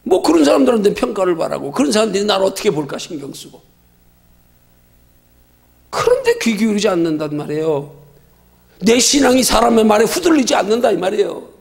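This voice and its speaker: A middle-aged male pastor leading a Bible study, emphatic and full of rhetorical questions, at times shouting. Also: sits high, very animated, a little fast, gravelly, pauses often.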